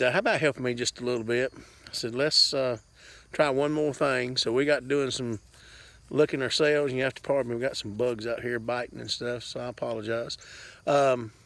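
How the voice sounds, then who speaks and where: A farm vlogger speaks outdoors on his farm into a handheld camera, giving viewers a casual, rambling update in a folksy, plainspoken way. His medium-pitched voice has vocal fry and is a bit bright, with no echo.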